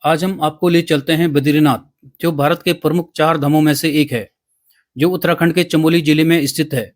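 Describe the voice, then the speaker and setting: Slightly high-voiced man narrating a travel vlog.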